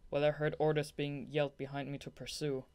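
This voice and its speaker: A young audiobook reader with a mid-pitched, clean voice talks fast, narrating a scripted novel and breaking into giggly, excitable blooper asides between passages.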